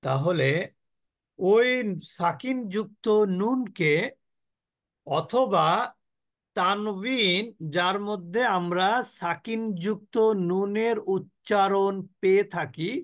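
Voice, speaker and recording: A male teacher with a Bangladeshi Bengali accent leads an online tajweed class, his voice sitting high. He talks unhurriedly, putting questions to the class and answering them, then stretches each sound out so students can follow. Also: a bit bright. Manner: explains rules, then drags out sounds very slowly for the class to copy. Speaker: Quran recitation teacher. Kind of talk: online tajweed lesson with slow recitation drills.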